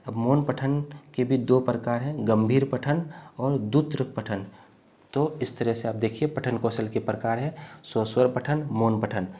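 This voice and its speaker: A man from the teaches an exam-prep lecture while unwell. He explains slowly and repeats himself, often checking in with "thik hai". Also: medium pitch, dark tone. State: unwell, coughing.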